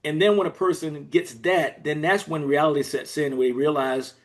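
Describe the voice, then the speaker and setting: A man's voice: fairly high pitch, steady tone, moderate pace. A man from Georgia in the US, an executive coach speaking as a guest in a podcast interview, explaining things step by step in an earnest way. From Georgia, USA.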